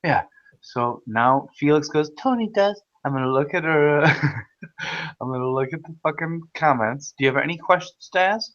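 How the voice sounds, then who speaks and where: A man hosting a casual online video chat, talking loudly and excitably, with frequent swearing. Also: on the high side, moderate pace, muffled recording. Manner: loud, profane, excitable. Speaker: host.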